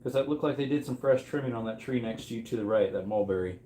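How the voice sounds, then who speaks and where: A man's voice: mid-range voice, fast talker, warm tone, echoey room, slight background noise. Mid-thirties man hosting trivia stream. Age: 30s. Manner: rambling, reacts to chat as he goes. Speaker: livestream host running trivia. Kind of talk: casual livestream chat.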